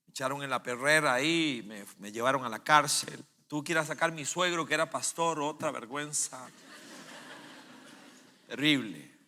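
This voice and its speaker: A male pastor, preaching a sermon as vivid storytelling that swings from loud bursts to hushed low phrases. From Costa Rica.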